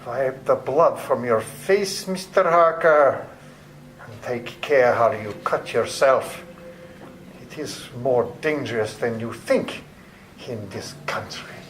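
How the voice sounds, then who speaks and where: An actor playing a courtly, sinister vampire count with theatrically polite, menacing delivery in an old-time radio drama. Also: male voice, mid-range voice, slow pace, a bit bright, slight background noise. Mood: quiet menace. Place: live performance at a public library. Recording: roomy live stage sound with music.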